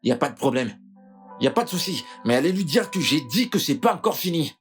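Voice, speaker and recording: A man's voice: fairly high pitch, big pitch swings, fairly quick, soft background music. A man voicing a defiant young brother who vows his family will not let it go, in a dubbed film drama. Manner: defiant, vengeful. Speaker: brother of the wronged sister.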